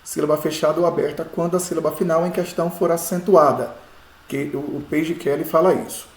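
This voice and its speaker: Man, pastor teaching a lesson, patient step-by-step explaining, slightly high voice, echoey room. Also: fairly even intonation, brisk. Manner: patient, explains step by step, asks rhetorical checks. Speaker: pastor teaching biblical Hebrew. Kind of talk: classroom-style lesson.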